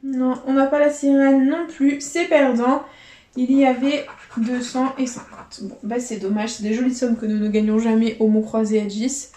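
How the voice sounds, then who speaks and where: A woman's voice: on the high side, fairly even intonation, normal speed, warm tone. A woman vlogger giving casual running commentary as she scratches lottery tickets, chatting to her viewers like friends. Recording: echoey room with faint noise.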